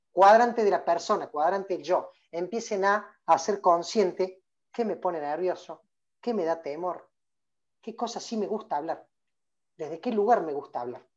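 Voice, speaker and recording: Orador rioplatense de unos cuarenta, tono de taller interactivo, pregunta y nombra al público; audio apagado de videollamada. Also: male voice, sits high, darkish tone, dull audio. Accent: Rioplatense Spanish. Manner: engaging, calls on listeners by name, many questions. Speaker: public speaking trainer. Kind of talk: interactive online workshop talk. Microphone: video call.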